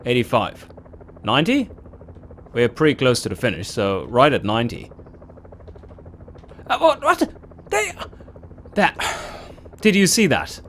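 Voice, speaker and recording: A man hosting a let's play, commenting casually on his gameplay, animated and quick to swear and laugh in frustration. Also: medium pitch, slight background noise.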